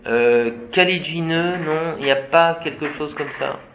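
A man's voice: a little high, measured pace, noisy background. A man teaching a Latin class, reciting declensions methodically and adding short asides. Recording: dull, roomy classroom recording.

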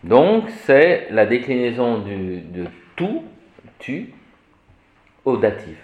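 Slow, animated man teaching in an echoey room. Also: medium pitch, phone-quality sound. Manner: animated, repeats "vous voyez", vivid examples. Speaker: Latin teacher. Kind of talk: classroom lecture.

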